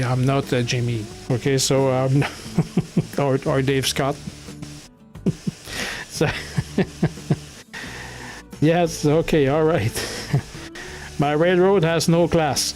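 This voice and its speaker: A man hosting a laid-back livestream who greets his viewers one by one and reads their comments back to them. He speaks very slowly in a slightly high voice, stumbling and restarting his sentences with small chuckles. Soft music plays faintly behind him. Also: gravelly. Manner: halting, with many restarts and chuckles. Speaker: livestream host. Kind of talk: casual livestream chat.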